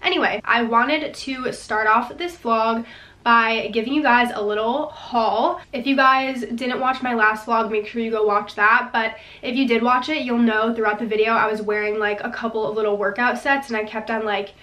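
A lifestyle vlogger in her twenties chats enthusiastically to camera, saying "like" a lot, and sounds a little stuffy after a recent illness. Her fairly high voice is steady, bright, and forceful at a moderate pace, picked up by a distant mic with roomy echo.

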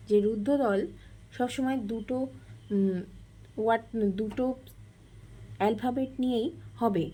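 A woman's voice: fairly high pitch, mellow. A woman teacher explaining a grammar lesson step by step, asking questions and answering them.

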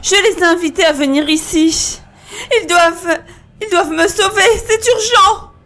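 A woman's voice: fairly high pitch, a little slow, natural voice. A woman voicing a terrified young wife who stammers and sobs as she pleads, in a storybook reading. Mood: desperate calling. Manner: crying, stammering pleas.

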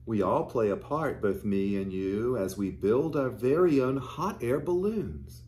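Man in his fifties, children's story time, unhurried, warm relaxed tone, medium pitch, gentle simple explanations. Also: slight background noise. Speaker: pastor. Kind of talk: children's story time, reading a picture book aloud. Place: small furnished living room, indoors.

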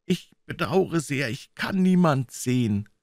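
A faint, wailing recluse speaks slowly from behind a locked door, as a male reader puts him on. His voice sits higher and sounds thin and plaintive. The storybook reading is close and dry. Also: lively intonation, darkish tone, no room sound. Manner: slow, lamenting. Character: weak, plaintive hidden man behind a door.

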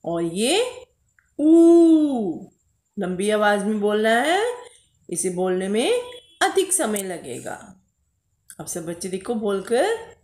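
A primary school Hindi teacher reads a lesson aloud to young children syllable by syllable, stretching her vowels, calling herself "ma'am" and addressing pupils as beta. Her voice is medium-pitched with big pitch swings, and the room is echoey.

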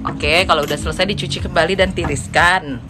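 A woman's voice: fairly low pitch, steady tone, brisk. A middle-aged woman casually directing her children through a cooking session in a home kitchen, playful and teasing, with music and clatter behind. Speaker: mother guiding kids through cooking. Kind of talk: casual instructional cooking chat.

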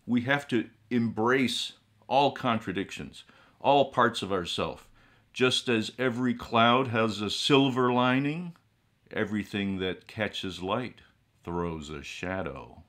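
A middle-aged man playing a ghoulish horror host, speaking in a drolly morbid, theatrical, drawn-out manner. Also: fairly low pitch, fairly bright tone. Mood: theatrically solemn. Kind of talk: comic horror-host monologue to viewers. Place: small indoor room with collectible shelves.

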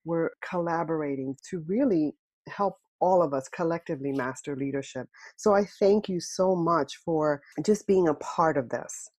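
A woman hosting a leadership podcast, asking questions and affirming her guest in a warm, encouraging way. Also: sits low, moderate pace. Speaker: podcast host. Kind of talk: interview hosting.

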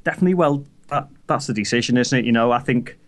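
Man, brisk pace, casual podcast co-host who ends points on tag questions. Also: mid-range voice. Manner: quick, tag questions like "wasn't it?". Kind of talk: casual football chat.

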